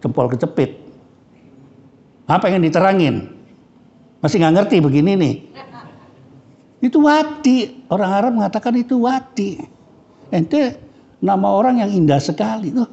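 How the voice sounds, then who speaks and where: A man's voice: high-pitched, expressive, moderate pace, creaky, pauses often, dark tone. A man, teaching scripture as a cleric in a casual, joking and frank way. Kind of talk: casual religious study lecture. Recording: dull lo-fi recording.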